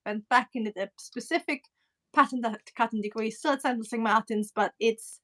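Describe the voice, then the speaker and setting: Chatting casually on her live stream, this woman from Germany teaches pattern cutting and speaks with a German accent, often filling pauses and restarting. Her fairly bright voice is a little high and fairly quick.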